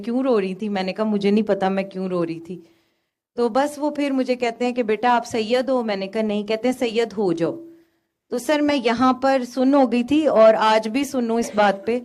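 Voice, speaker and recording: Young woman guest, higher-pitched voice, earnest emotional testimony, hesitant fillers. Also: a little mellow. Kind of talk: personal testimony on a call.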